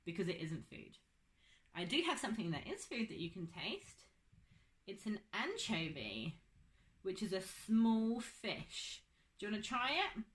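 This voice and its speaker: A woman's voice: medium pitch, wildly swooping pitch, normal speed, a bit bright. A young woman teaching a phonics lesson to children, patient and drawing out her words.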